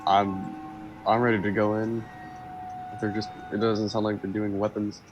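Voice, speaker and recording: A man's voice: lowish voice, level tone, moderate pace, muffled recording, over music. A man chatting casually as a player in a tabletop roleplaying game.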